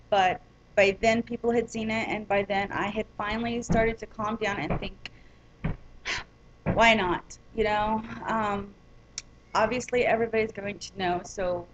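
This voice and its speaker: A woman's voice: mid-range voice, lo-fi sound, slight background noise. A woman vlogger telling a personal story in a casual, rambling way, with many ums and restarts.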